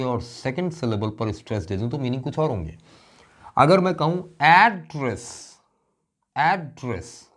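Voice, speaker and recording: A man teaching English grammar in a classroom lecture, explaining slowly and stretching out example words. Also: mid-range voice. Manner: slow, deliberate explaining with drawn-out example words.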